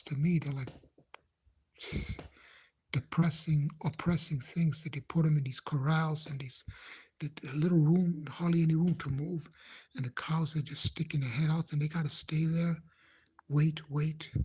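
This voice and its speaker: A man livestreaming from a phone indoors at home, chatting gently with viewers in a hushed, halting whisper so no one in the house hears him. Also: a little high, husky. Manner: halting, rambling, gentle, nervous. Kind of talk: hushed casual live chat. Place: indoors in a house he shares, speaking quietly.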